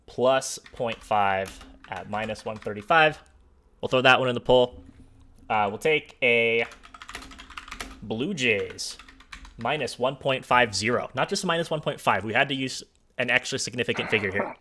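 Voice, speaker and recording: A man's voice: medium pitch, pushed and bright, slight background noise. A young man hosting a casual sports betting show, easygoing, running through lines for a poll. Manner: easygoing, halting with restarts.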